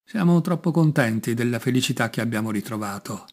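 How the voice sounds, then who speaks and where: A man voicing a gentle young mother, a forgiving fairy-tale heroine, speaking earnestly. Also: mid-range voice, expressive, a little fast.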